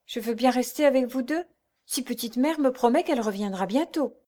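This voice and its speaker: A woman's voice: animated, a little fast, warm tone. A woman doing a frightened little boy. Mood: timid. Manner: high, pleading, crying out. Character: small frightened boy clinging to his mother.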